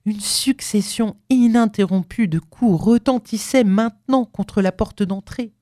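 A woman reading a horror story aloud in a hushed, suspenseful way. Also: mid-range voice, a little slow, dry recording. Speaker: narrator.

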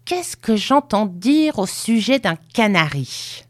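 A woman voicing a fierce, imperious old grandmother who barks orders in loud, shrieking outbursts. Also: mid-range voice, sing-song, takes it slowly, voice pushed up. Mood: furious, commanding.

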